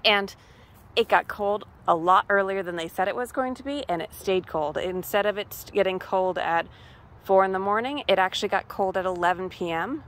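A woman's voice: mid-range voice, moderate pace, a bit bright. A woman from Massachusetts casually walking through her garden and thinking aloud with many ums. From Massachusetts, USA. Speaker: homesteader giving a garden tour. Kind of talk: casual walk-through vlog. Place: outdoor garden.

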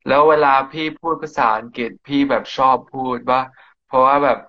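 A teenage English lad speaking Thai as a second language, casual and full of slang, at a medium pitch. The sound is a little dull and muffled. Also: male voice, fairly even intonation, normal speed, bright, forceful tone. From England. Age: teens. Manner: casual, slangy Thai, says yeah often. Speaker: guest.

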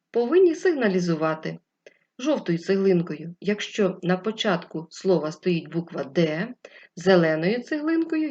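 A woman teacher leads a distance literacy lesson for young children, speaking slowly, clearly and patiently. Her voice sits a little low and slightly husky. The recording is dull and lo-fi. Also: a little mellow. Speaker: first-grade teacher.

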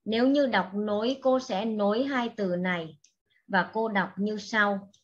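Slow patient lady teacher walking little kids thru english words, kinda muffled recording. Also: mid-range voice. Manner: patient, repeats words for pupils to echo. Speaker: primary school English teacher. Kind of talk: slow classroom instruction for young children.

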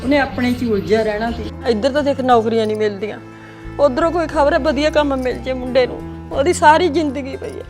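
A woman voicing a Punjabi daughter-in-law who calmly talks the old woman round. Her voice is high, with music clearly underneath. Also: quick pace, natural voice. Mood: reasoning. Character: daughter-in-law caring for the grandmother. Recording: music playing under dialogue.

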